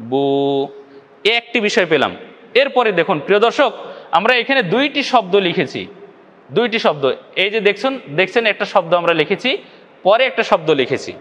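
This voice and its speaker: Bangladeshi Bengali teacher, male, high voice, patient and repetitive, long reverb. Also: big pitch swings, brisk, pauses often, a bit bright. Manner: patient, repeats each point, often asks the viewer if they follow. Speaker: Quran recitation teacher. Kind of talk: video lesson.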